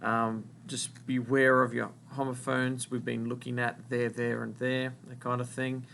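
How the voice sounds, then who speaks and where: Gravelly Australian man dictating a spelling test. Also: mid-range voice, flat delivery, fairly bright tone, a little hiss or hum. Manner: deliberate dictation with pauses between phrases. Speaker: school teacher. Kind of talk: reading a spelling test passage aloud to children.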